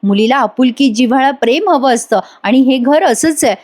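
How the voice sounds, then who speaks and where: An earnest young wife from a family serial speaks with open, pleading affection. Her voice sits high and bright in tone, as a woman narrator puts her on in a retelling. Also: normal speed. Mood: sincere. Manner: heartfelt, pleading.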